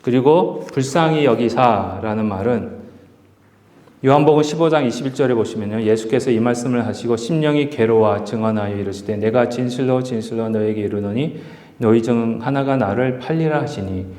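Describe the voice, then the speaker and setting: Male pastor, mid-pitched, passionate teaching delivery; recorded in a reverberant hall. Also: moderate pace, mellow. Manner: impassioned, acts out quoted speech with rising emphasis. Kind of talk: Bible study sermon. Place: church hall. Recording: echoey hall with long reverb.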